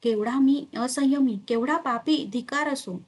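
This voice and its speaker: A woman's voice: a little high, steady tone, moderate pace. A woman voicing an aged, devout male steward who reproaches himself with anguished, pleading speech.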